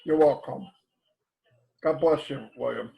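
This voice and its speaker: A man's voice: medium pitch, a little slow, gravelly, highs cut off. A man hosting a video call, talking in a reassuring, easygoing way. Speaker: host. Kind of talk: casual chat on a video call.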